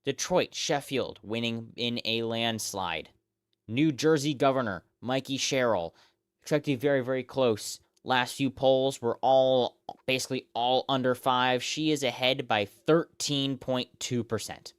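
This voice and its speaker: An American man with a clean, smooth voice hosts a live election results stream. He speaks off the cuff, reeling off numbers and places and often repeating himself. The sound is dry and close, with little room to it. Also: mid-range voice, no room sound. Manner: halting, often repeats himself, reels off figures and place names.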